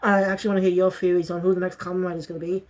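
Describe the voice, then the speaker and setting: A woman's voice: on the low side, little pitch movement, racing, a little mellow. A woman casually reviewing a show episode, rambling and correcting herself as she goes. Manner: rambling, self-correcting, bursts into fits of laughter.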